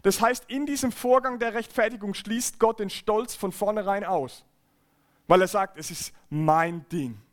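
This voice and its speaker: A man's voice: sits high, moderate pace. A man preaching a church sermon, earnest and emphatic, often repeating and restarting phrases. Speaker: pastor. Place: church service.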